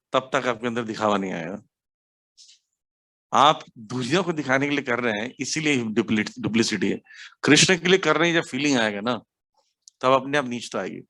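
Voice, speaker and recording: A man's voice: moderate pace, long pauses. A man from India giving a devotional class, telling stories animatedly and mixing English words into his speech. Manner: animated storytelling, acts out quotes with sharp pitch jumps. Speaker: preacher.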